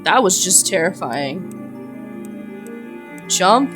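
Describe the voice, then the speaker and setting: A woman playing a text adventure, reading the game's story aloud and reacting excitedly with laughs and yelps at the scares. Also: on the low side, extremely slow, music in the background. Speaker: game streamer. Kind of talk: let's-play commentary and reading game text.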